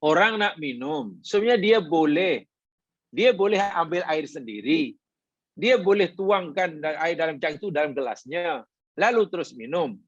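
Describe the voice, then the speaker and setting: A man teaches a hadith class in a measured, explanatory way. His voice sits a bit higher than most men's. The recording is dry and somewhat muffled. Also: expressive, husky, no room sound. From Malaysia. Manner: measured, explanatory lecture with rising emphasis. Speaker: religious teacher. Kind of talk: hadith lesson.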